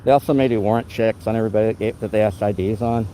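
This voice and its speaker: A man talks very fast in a low, mellow voice with fairly even intonation, narrating indignantly and at length as he films police. He is an activist using a handheld phone on a city sidewalk outdoors. The audio is poor, with some hiss or hum.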